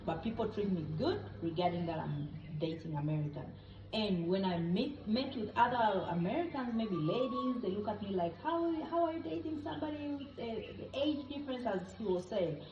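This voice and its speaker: A woman's voice: medium pitch, animated, moderate pace, lo-fi sound, slight background noise. Tanzanian woman in her thirties, mid voice, earnest co-host with phrasing, roomy echo. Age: 30s. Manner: earnest, non-native grammar. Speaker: vlog co-host. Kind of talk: casual chat.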